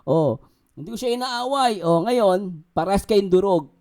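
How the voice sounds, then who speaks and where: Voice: medium pitch, animated, moderate pace, a little mellow. A vlogger host giving mocking gossip commentary, reading out viewer comments, scolding and laughing at their own jabs.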